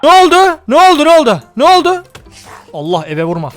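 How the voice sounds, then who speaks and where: Rowdy high-voiced young man gaming. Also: huge pitch swings, fairly quick, soft background music. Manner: rowdy, joking, slangy. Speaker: gaming YouTuber. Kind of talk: game commentary.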